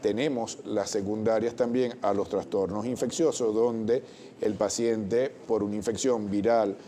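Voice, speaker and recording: A man, a doctor explaining things as a guest in a television interview, measured and technical, often restarting words. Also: on the low side, fairly even intonation, dark tone. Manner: measured, technical, with frequent self-corrections.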